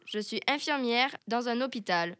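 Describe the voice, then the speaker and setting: A woman's voice: fairly high pitch, animated, normal speed, a bit bright, no room sound, clean studio sound. A woman in an amateur skit playing a polite Englishwoman who is a nurse and a mother of three.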